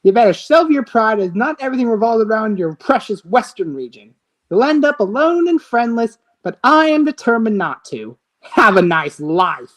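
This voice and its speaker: A streamer voicing a smug, scheming male steam engine in a hobby audio drama, sneering and taunting in a slow, drawn-out way. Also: medium pitch, very animated, voice pushed up, close to an everyday voice.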